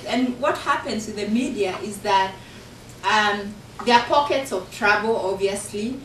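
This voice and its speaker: Her voice sits on the high side as this Kenyan author and professor speaks earnestly to an audience about her book. The setting is a university function room, picked up by a distant mic, so there's echo and slight background noise; her accent is Kenyan.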